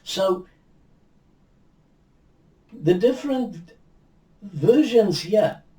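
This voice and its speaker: An older Bible teacher, a first-language Afrikaans speaker, teaches unhurriedly on video from indoors in front of a virtual backdrop. His slow, mellow voice is high-pitched and animated; he stays measured and reflective, restarting frequently and gesturing with his hands. He's far from the mic, in a roomy echo.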